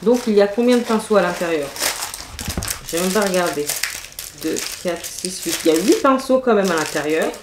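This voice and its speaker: A woman's voice: fairly low pitch, animated, normal speed. Woman gushing about her makeup haul, lots of fillers, roomy echo. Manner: chatty, enthusiastic, many fillers. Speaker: beauty vlogger. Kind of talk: casual haul video chat. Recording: echoey room, faint noise.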